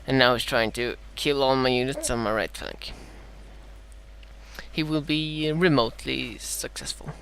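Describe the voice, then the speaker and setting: A Swedish-accented man with a slightly dry throat commentates on his own strategy game match as a beginner, at middle pitch with a creaky, fairly bright tone. He's halting, restarting often and filling gaps with "uh" as he corrects his wording, over a faint hiss of noise.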